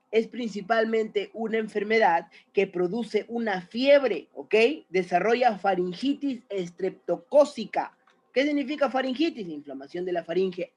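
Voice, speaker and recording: A man teaching a recorded biology lesson, chatty and often checking in with the student. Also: high-pitched. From Peru.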